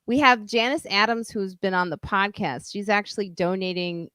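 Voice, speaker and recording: A woman's voice: mid-range voice, moderate pace, bright, forceful tone, clean tone, dry recording. A woman hosting a podcast in casual, bantering chat. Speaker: podcast host.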